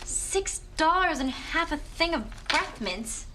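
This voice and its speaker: A woman's voice: high voice, expressive, slow, heavy background noise. A young woman playing a spoiled, dramatic, fashion-loving teenage girl in a television family comedy, breezy and wheedling. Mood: earnest, defensive. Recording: music clearly behind.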